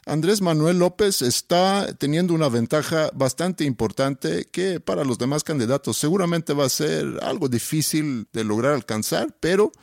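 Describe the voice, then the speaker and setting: A man playing a formal, bookish Mexico City commentator who talks like a news analyst. His delivery is measured and a touch raised, and the sound is dry and close. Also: a little high, animated, gravelly, no room sound, voice pushed up.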